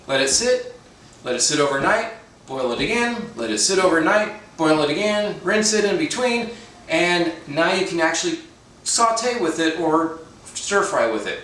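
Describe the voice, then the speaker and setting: A man's voice: fairly high pitch, animated, moderate pace, a bit bright. A man hosting his own cooking channel from his home kitchen, talking casually with dry, self-deprecating jokes and chatty asides. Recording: very echoey room, mic at a distance, faint noise.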